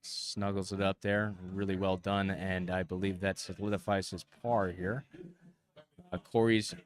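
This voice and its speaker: A low-voiced man works as a golf commentator, calling shots one by one. He talks in measured play-by-play phrases, leaning on the jargon of the course. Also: little pitch movement.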